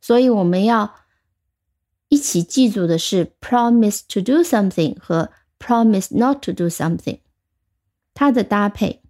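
A woman teaching English vocabulary, explaining patiently step by step and slowing down on the English words. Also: medium pitch, lively intonation, darkish tone. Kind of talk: vocabulary lesson.

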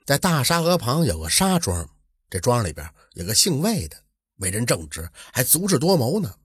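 A man narrating an old folk tale in a lively, colloquial storytelling manner. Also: mid-range voice, normal speed, husky, dry recording, clean studio sound.

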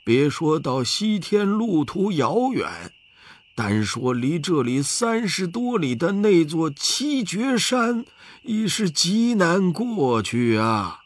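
A man's voice: on the high side, very animated, breathy edge, no room sound, heavily acted. A man voicing a timid but proud old village elder who sighs and drags out his exclamations. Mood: warning. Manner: sighing, drawn-out exclamations. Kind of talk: children's storybook narration.

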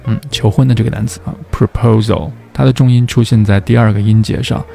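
Gravelly-voiced man teaching English pronunciation. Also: on the low side, steady tone, mellow, faint music behind. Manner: patient, explains step by step and demonstrates English words slowly. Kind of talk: explanatory lesson.

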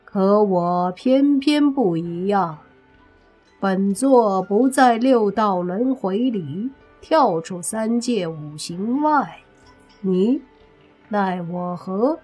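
A woman voicing an arrogant young male vampire zombie with a slow, drawling, smug delivery. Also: on the low side, a little mellow, breathy edge, soft background music.

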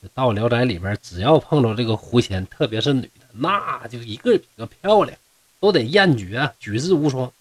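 Telling a classic story for laughs, a middle-aged man with a Northeastern Mandarin accent keeps things folksy and breaks off to address his audience. He speaks fairly quickly in an animated, mid-range voice, and the sound is free of echo.

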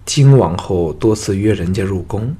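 Audiobook role: coquettish young woman, playful and teasing, read by a man in a low, husky voice. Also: animated, normal speed, mellow.

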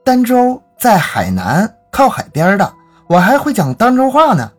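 A man's voice: high-pitched, wildly swooping pitch, unhurried, soft background music, pitched above the performer's own voice, heavily acted. A man voicing a defiant young boy who insists on his past life, speaking indignantly.

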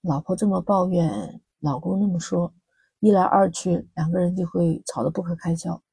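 A woman's voice: on the low side, moderate pace, creaky, warm tone, husky, no room sound, poor audio. A woman hosting a vlog, giving casual relationship advice in a chatty way with many rhetorical questions. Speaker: vlog host.

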